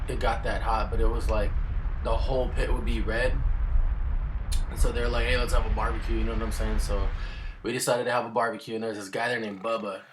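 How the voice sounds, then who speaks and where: A man's voice: on the low side, a bit bright. A man casually telling a rambling, slangy story to the camera, full of fillers and asides.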